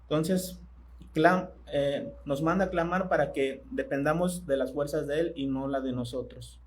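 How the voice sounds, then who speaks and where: A man preaching a sermon in church, speaking conversationally and asking his congregation questions that he pauses to let them answer. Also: a little high, fairly even intonation, a little hiss or hum, low-quality recording.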